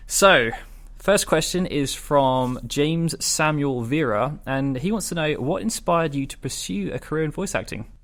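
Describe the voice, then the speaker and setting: A man's voice: fairly high pitch, unhurried, fairly bright tone. A man hosting a podcast, chatting with a guest and reading out listener questions. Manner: friendly, reads listener questions. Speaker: podcast host. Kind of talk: casual podcast interview.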